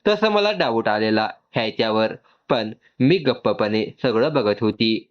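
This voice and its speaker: A man voicing a warm, teasing middle-aged mother in a read-aloud story. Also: on the low side, animated, unhurried, highs cut off. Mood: affectionate. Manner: affectionate, teasing.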